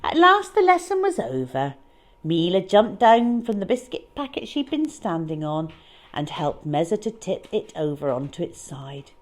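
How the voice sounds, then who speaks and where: Her pitch fairly low and her delivery sing-song, a woman tells a picture-book story to children, dramatic and deliberate, leaning hard on emphatic stresses.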